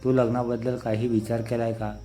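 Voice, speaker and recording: A gentle, teasing young man courting a woman, read by a male storyteller. He speaks softly and quietly, with a dark, mellow tone and little change in pitch. Faint music runs underneath. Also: little pitch movement, brisk, close to an everyday voice. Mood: tender.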